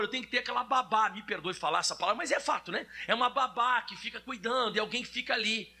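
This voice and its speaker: A male pastor from Brazil preaching a lively sermon, acting out scenes of children and adults. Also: very high voice. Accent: Brazilian Portuguese.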